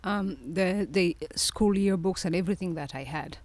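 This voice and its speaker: A woman in her forties from Somalia speaks as an interview guest, her voice sitting fairly low. She tells her story reflectively, circling back on words and laughing softly now and then. The sound is close and dry, with no room around it. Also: normal speed, no room sound. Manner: reflective, with frequent restarts and soft laughs. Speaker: guest, presidential candidate.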